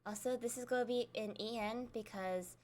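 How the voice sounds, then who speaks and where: A woman's voice: on the high side, fairly even intonation, normal speed, darkish tone. A young adult woman chatting casually while she streams a video game, rambling and self-deprecating as she talks. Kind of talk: casual gameplay chat.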